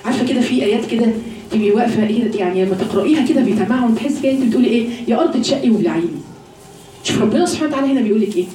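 A woman with an Egyptian Arabic accent giving a religious lesson to women, full of rhetorical questions and slowing down to recite verses. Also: fairly high pitch, expressive, warm tone, a little hiss or hum. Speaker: religious teacher addressing women. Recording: roomy echo, voice from a distance.

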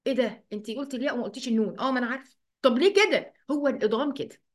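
A woman with an Egyptian accent teaching an online Quran recitation lesson. She explains each rule step by step, asks the class questions, and draws the recited words out slowly. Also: a little high. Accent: Egyptian Arabic. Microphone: computer mic, writing with a mouse.

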